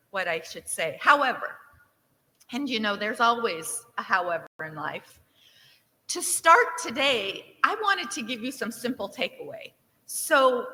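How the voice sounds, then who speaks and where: A woman director from Nevada, her voice fairly high, delivers a lively opening to a conference crowd in a big reverberant hall. She keeps things upbeat by asking for shows of hands and cheering what she sees.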